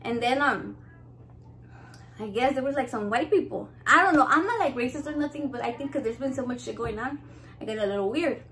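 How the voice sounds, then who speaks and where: Brash high-voiced Mexican American woman. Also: lively intonation, a little fast, a bit bright, slight background noise. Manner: brash, swears constantly, switches into Spanish. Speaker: cooking channel host. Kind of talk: casual profane chat to camera.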